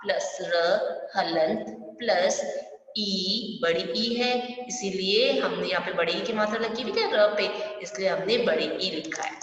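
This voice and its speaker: A woman's voice: mid-range voice, unhurried, a bit bright. A woman teaching an online primary school Hindi class, explaining step by step and often asking her pupils questions. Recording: distant, echoey, dull room recording.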